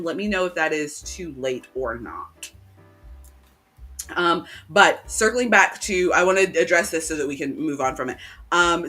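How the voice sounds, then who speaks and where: A woman co-hosts a livestream in casual live chat, rambling and chatty with many ums and restarts. Her voice is low yet bright. She's on a home desk microphone in a cool room at home.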